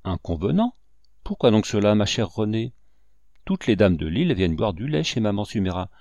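A man's voice: fairly low pitch, normal speed, no echo, muffled recording. A man reading as a shrewd, fatherly old hunter. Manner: calm, fatherly, gently teasing. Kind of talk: audiobook character voice.

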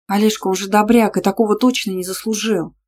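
A woman's voice: mid-range voice, steady tone, fairly quick, darkish tone. Woman narrating a first-person novel. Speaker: audiobook narrator.

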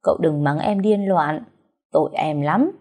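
A woman's voice: sits low, unhurried, a little mellow. A woman voicing a sly young woman who speaks sweetly and pitifully. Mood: plaintive. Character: falsely meek young concubine, sly.

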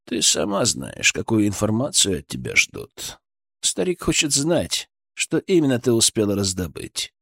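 A cocky young thug in a police uniform drawls his threats in a lazy, sneering way, as a male reader voices him. The menace is quiet and the pitch wanders widely. The sound is dry and close. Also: wildly swooping pitch, unhurried, creaky, dry recording, exaggerated voice. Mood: menacing. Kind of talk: audiobook character voice.

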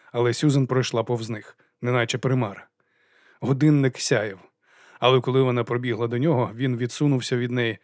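A man narrates a novel as an audiobook, his delivery even and measured. His voice sits in a middle pitch. The recording is dry and close, with no room sound. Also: dry recording. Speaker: audiobook reader. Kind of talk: scripted narration.

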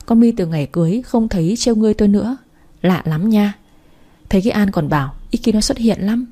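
A woman's voice: mid-range voice, mellow, breathy edge. A woman reading a first-person story aloud as an audiobook narrator, voicing the other characters' lines in her own voice. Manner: reads dialogue of several characters in her own voice.

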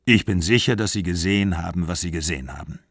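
A man voicing a calm, weary middle-aged actor who speaks in a quiet, measured, soothing way in a literary audiobook reading. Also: deep voice, dry recording, clean studio sound, pitched below the performer's own voice.

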